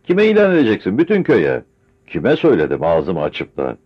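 A frail old village man, grieving and pleading through tears in a voice pitched well above a deep narrator's own, as a man puts him on. He cries out loudly and wails rather than speaks. The audiobook recording sounds dull and lo-fi. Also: wildly swooping pitch, fairly quick, slightly rough, heavily acted. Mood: distraught. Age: older. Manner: tearful, pleading, wailing.

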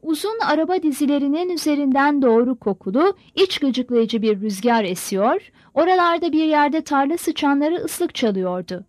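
Audiobook narrator lady, super animated delivery, reads a novel vividly. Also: high voice, moderate pace, few pauses, no room sound. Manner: expressive, vivid storytelling.

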